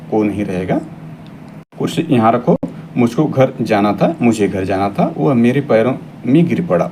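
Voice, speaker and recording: A man's voice: mid-range voice, mellow, slight background noise. A man teaching a grammar lesson for exam preparation. He reads each example sentence, then repeats it in corrected form.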